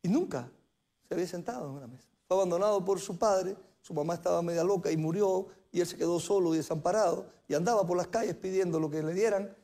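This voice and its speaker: A middle-aged man with a notably high-pitched voice delivers a sermon from a church pulpit. He preaches earnestly, repeating phrases and slowing down to press his key points home. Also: dark tone. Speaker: pastor. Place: church sanctuary.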